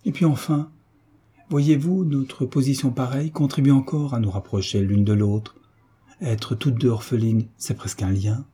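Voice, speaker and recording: A man's voice: medium pitch, steady tone, normal speed, mellow, slightly rough. A man reading an audiobook voices a timid young orphan heiress, hesitant and earnest, in a raised voice.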